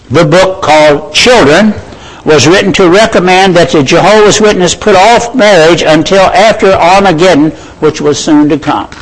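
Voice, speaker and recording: High-voiced man preaching a sermon. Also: rough recording. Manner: addresses listeners as brethren and friends; reads out scripture and quotations in a measured way.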